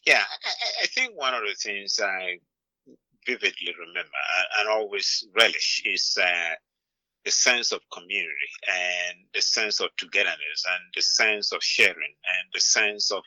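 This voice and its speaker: Man from Ghana, middle-aged, very deep voice, bright tone, muffled lo-fi audio, measured. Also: lively intonation, no echo. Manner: measured, repeats words while searching. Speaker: interview guest. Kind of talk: conversational interview answers.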